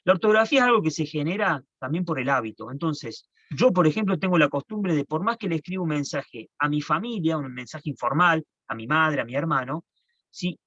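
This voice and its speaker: Teacher explaining on a lo-fi video call. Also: male voice, a little high, bright, forceful tone, dry recording. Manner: explanatory, repeats and restarts phrases. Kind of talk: online class lecture. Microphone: computer mic on a video call. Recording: dull, dry lo-fi call audio.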